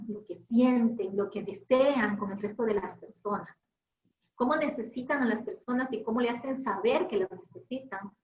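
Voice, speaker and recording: Brisk woman trainer, high-ish voice, lively online lecture, dull echoey call audio. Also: slight background noise. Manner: fast-talking, lively, rhetorical questions.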